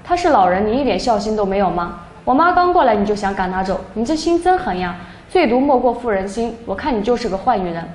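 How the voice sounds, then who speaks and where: A woman's voice: mid-range voice, very animated, fast, few pauses, a little mellow, a little hiss or hum, natural voice. A woman voicing a scolding, dismissive young husband. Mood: angry. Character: angry domineering young husband. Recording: echoey room.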